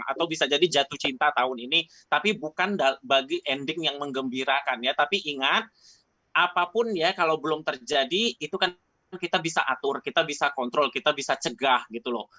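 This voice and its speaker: A man's voice: fairly high pitch, bright, forceful tone, no room sound. A man heard over an online call line, a guest expert explaining things in a chatty, casual way. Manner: chatty, often ends phrases with a casual tag. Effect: heard over an online call line that drops out. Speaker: guest expert answering questions. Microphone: remote call mic. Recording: dull, dry call audio.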